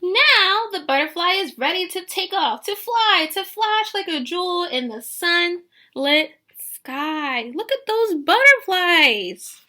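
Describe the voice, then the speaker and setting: Reading a picture book aloud, a teacher animates the story for young children and frequently puts questions straight to them. She speaks slowly in a very high voice, and there's a slight hiss or hum in the recording.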